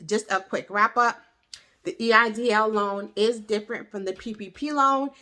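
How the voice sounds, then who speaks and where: A woman's voice: medium pitch, moderate pace, bright, forceful tone. A woman speaking casually and directly to viewers as a tax professional, frank and persuasive, urging them to act and checking in with "okay?". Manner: punctuates points with "okay?". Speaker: tax professional hosting an explainer video.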